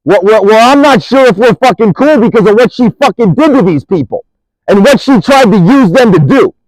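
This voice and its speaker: A man's voice: sits high, lively intonation, normal speed, a little mellow, dry recording, poor audio. A man delivering an angry, profane monologue, accusing and rambling, restarting sentences as he goes.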